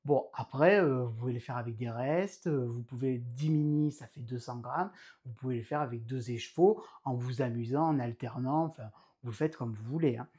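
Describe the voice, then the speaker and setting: A man's voice: mid-range voice, moderate pace, dark tone, slightly rough. A man hosting his own knitting podcast indoors at home, chatting casually and rambling with frequent hesitations. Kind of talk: casual chat.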